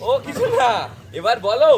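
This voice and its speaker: A man's voice: very high-pitched, expressive, moderate pace, music in the background. A man playing a scheming son who profits from family quarrels, declaiming theatrically in an amateur stage play. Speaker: stage actor. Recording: loud crowd noise.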